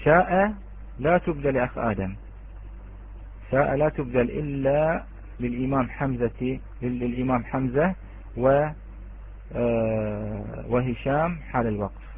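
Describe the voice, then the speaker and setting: A man teaching Quranic readings in an online lesson, speaking slowly, repeating key words and addressing his students directly. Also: mid-range voice, husky. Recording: tinny phone-like online call.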